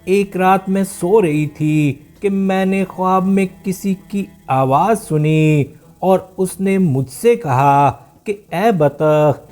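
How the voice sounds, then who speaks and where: A man voicing a frightened female duck telling her tale in a measured storybook reading that slows at sentence ends. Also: high voice, darkish tone, lightly acted. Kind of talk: storybook narration.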